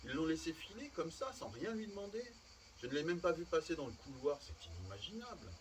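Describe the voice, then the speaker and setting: A man's voice: fairly high pitch, sing-song, fairly quick, far from the mic, a little hiss or hum, pitched above the performer's own voice, poor audio. A man reading as a bewildered old mother. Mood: suspicious. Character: elderly mother, bewildered and suspicious.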